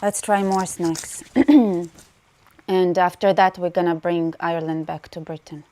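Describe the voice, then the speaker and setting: Livestream host, Israeli woman, a bit low, chatty and laughing. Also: steady tone, a little slow, warm tone. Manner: chatty, laughs often, reads viewer comments aloud. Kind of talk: casual livestream chat.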